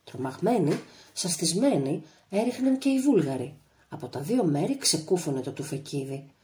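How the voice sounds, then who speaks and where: Low-voiced woman reading an audiobook. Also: very animated, warm tone, slight background noise. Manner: measured, dramatic reading. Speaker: audiobook narrator. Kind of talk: literary audiobook narration.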